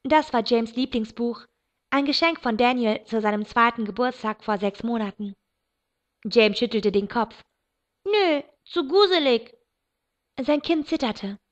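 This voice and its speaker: A woman's voice: fairly high pitch, moderate pace. Woman narrating a novel, lo-fi. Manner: steady, expressive storytelling. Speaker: audiobook reader. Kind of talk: first-person novel narration. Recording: dull lo-fi recording.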